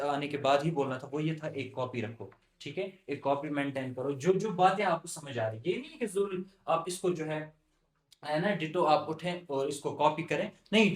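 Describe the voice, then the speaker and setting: Patient male tajweed teacher, echoey room. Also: a little high. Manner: patient, repeats words slowly to drill pronunciation. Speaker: Quran recitation teacher. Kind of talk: classroom teaching.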